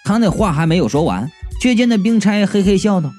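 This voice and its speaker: A man narrating a story in a lively, expressive way. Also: high voice, brisk, soft background music.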